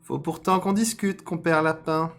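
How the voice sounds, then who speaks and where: A man voicing a sly, scheming male fox in a spoken folk tale, in a loud, raised voice. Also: fairly high pitch, steady tone, normal speed, pitched above the performer's own voice.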